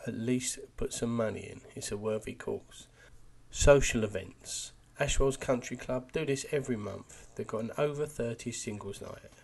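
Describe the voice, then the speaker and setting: A man with a husky voice presenting a local podcast in a chatty, wry way with joking asides. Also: mid-range voice, a little mellow. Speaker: podcast host.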